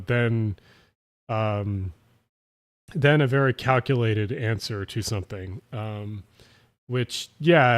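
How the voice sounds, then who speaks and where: A man from South Jersey, USA, slightly tipsy and speaking with a South Jersey accent, casually rambles while hosting a late-night livestream. Answering chat, he uses many fillers and restarts. His voice is on the low side.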